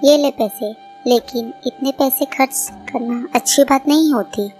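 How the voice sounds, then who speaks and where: A woman voicing a gentle, sad mother bird. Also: high-pitched, unhurried, faint music behind. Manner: soft, pleading.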